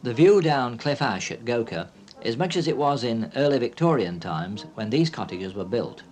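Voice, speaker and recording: Male narrator for scripted documentary, mid-pitched, informative and measured, music underneath. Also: a little mellow, rough recording.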